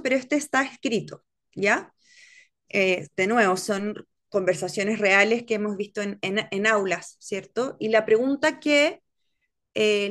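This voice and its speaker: A woman leading a teacher training workshop, explaining step by step and often checking in with her listeners. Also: medium pitch. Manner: explanatory, checks in with frequent "¿cierto?". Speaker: workshop instructor. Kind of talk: online teacher training lecture.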